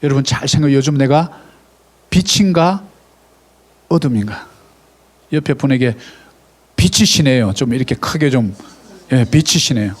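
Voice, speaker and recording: A middle-aged male pastor preaching a sermon at a church service, animated, with rising exclamations and direct prompts to the congregation. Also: mid-range voice, moderate pace, long pauses.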